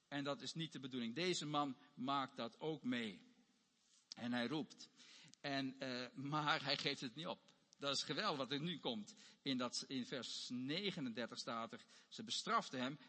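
A man preaching a sermon, animated, swinging between loud exclaiming and quiet asides and acting out quotes. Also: fairly high pitch, breathy edge. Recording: long hall reverb.

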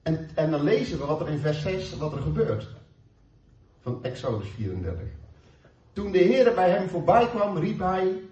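A man preaching a sermon, emphatic, moving between slow stressed phrases and quick asides. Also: fairly high pitch, sing-song, mellow. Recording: echoey, distant, dull room sound.

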